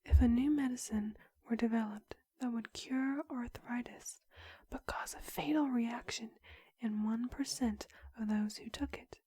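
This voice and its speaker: A young woman whispers close to the mic in a breathy, mellow voice, slightly high. She plays a clinic counselor in ASMR roleplay and asks slow questions with unhurried pauses. The sound is dry and intimate. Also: no echo. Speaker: ASMR creator.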